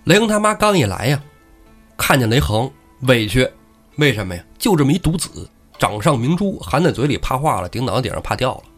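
Male podcast host retelling old tales, animated delivery, middle pitch, faint music behind. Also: a little fast. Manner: lively, acts out characters. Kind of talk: casual storytelling.

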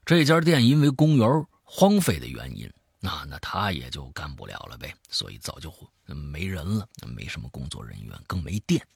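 A man who hosts a show, telling a scary story in the first person, swinging from hushed to loud. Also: rumbling low, wildly swooping pitch, normal speed, gravelly, hardly any pauses, breathy edge, no room sound, clean studio sound. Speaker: host reading a listener's story.

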